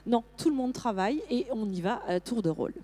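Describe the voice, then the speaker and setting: Middle-aged woman, lively conference speaker, rather high and mellow voice, talks to teachers. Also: fairly quick. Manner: lively, many fillers and restarts. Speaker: teacher trainer presenting to teachers. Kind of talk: conference talk.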